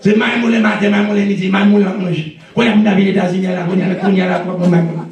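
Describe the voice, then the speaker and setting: A male pastor with a Haitian accent preaching a sermon with call-and-response and frequent shouts. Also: sits high, level tone, very fast. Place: church sanctuary. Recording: echoey church recorded from a distance.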